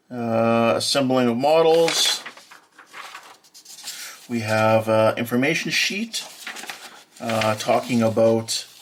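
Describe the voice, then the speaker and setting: A man walking through an unboxing as a hobby model builder, talking in a plain, matter-of-fact way with many filler pauses. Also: mid-range voice, background noise. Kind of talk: unboxing walkthrough.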